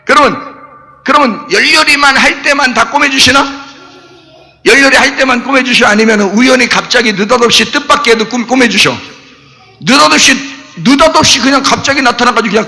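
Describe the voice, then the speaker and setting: A man preaching a sermon as pastor, animated, jumping between shouts and low asides and quizzing the congregation. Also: long reverb tail. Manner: explains Greek words, asks the congregation questions. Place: church.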